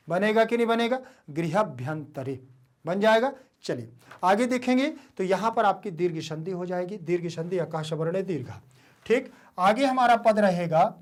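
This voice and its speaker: A woman's voice: on the low side, a little mellow. Woman teacher repeating and quizzing. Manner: repeats key words and quizzes the students. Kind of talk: online lesson explaining grammar.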